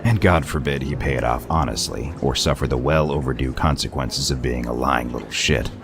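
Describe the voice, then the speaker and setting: This audio play features a man voicing a gruff detective who explains a case with dry sarcasm. He has a gravelly bass voice and a brisk delivery, with music playing underneath.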